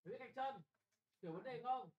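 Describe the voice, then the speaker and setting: A young man tutoring a class for an exam, brisk and bossy, often checking whether students follow and scolding them bluntly. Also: extremely high pitch, dull audio. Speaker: English tutor.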